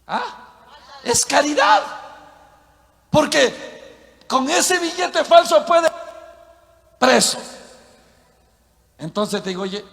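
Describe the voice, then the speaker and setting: A man preaching a sermon, emphatic, asking the crowd questions and swinging between shouts and hushed talk. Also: very high-pitched, big pitch swings, extremely slow, vocal fry, long pauses, long reverb tail. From southern Mexico near the Guatemala border.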